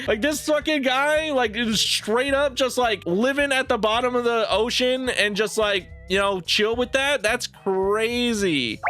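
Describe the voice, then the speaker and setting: Excitable, animated man with a bright voice. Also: high voice. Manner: excitable, profane, repeats phrases for emphasis. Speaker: reaction streamer. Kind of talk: crude comedic reaction commentary over a video.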